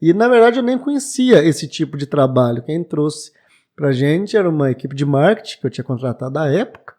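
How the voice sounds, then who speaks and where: A man's voice: a little high, lively intonation, brisk, a little mellow. A man in his late twenties from Brazil, a bookshop owner talking reflectively as a podcast guest, with hesitant restarts. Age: 20s. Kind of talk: casual podcast interview.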